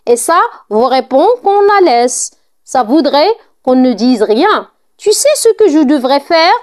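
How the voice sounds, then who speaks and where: A woman's voice: high voice, sing-song, measured pace, darkish tone. A woman reading a scolding old nurse. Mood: indignant. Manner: scolding, indignant outbursts.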